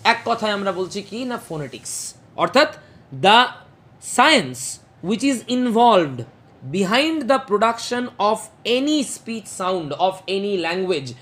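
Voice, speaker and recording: A woman teacher lectures on phonetics in a slightly high voice. She breaks words into single sounds, repeats them slowly and keeps asking whether her students follow. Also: fairly bright tone. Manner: explanatory, repeats and sounds out each speech sound; checks understanding with questions. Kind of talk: classroom lecture mixing Bengali and English.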